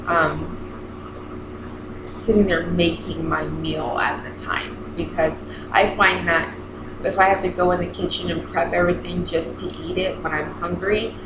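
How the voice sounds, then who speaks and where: With braces in her mouth, a woman in her thirties speaks a little slowly in a lowish voice during a casual to-camera vlog. She rambles, interrupts herself and retells events animatedly with quoted lines, and there's echo plus clear background noise.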